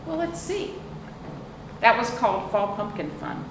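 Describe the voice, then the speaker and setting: A woman with a mid-range, sing-song voice takes her time reading a story aloud for kids, full of expression, and invites them to answer simple questions. It's recorded at a distance in an echoey room with obvious noise.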